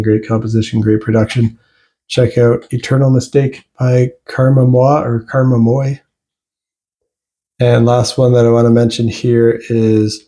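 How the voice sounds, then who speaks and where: A man reviewing new albums in a relaxed, rambling way, often pausing and restarting his sentences. His voice is dark and mellow. He delivers it all in a flat, even tone with little rise and fall. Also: medium pitch. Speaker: music reviewer. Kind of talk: casual album review vlog.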